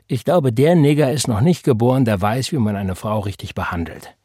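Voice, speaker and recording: Man voicing an older woman, motherly and blunt, preachy, emphatic, raised voice, husky tone. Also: medium pitch, fairly quick, mellow, no room sound, studio quality, natural voice. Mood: comforting. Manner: preachy, emphatic, invokes the Lord. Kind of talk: audiobook character voice.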